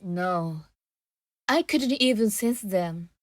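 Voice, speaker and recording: In a dry, close radio drama recording with music behind her, a woman plays a naive, earnest young female detective. Her fairly high voice moves slowly and hesitantly, with lively intonation, though the mood stays subdued.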